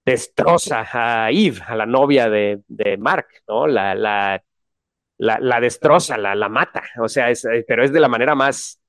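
A young Mexican man chatting excitedly in slangy casual talk, with many restarts. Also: mid-range voice, unhurried. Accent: Mexican Spanish. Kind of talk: casual chat.

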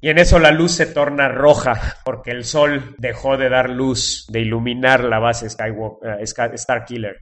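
A man's voice: mid-range voice, steady tone, measured pace, few pauses, a bit bright. A man with a Mexican Spanish accent, casually and animatedly retelling a film scene as a podcast host, full of slang and restarts.

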